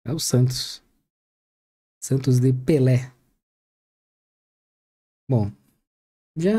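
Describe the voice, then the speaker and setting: A man's voice: mid-range voice, dark tone. A man hosting a reaction video, making jokey, chatty asides about a press conference. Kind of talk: casual joking commentary.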